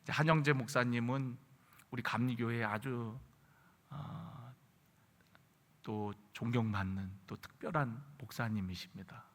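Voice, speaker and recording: A man's voice: mid-range voice, measured pace. A man preaching a midweek sermon as pastor, telling a story earnestly and rising to emphatic peaks. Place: church sanctuary. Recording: reverberant church hall.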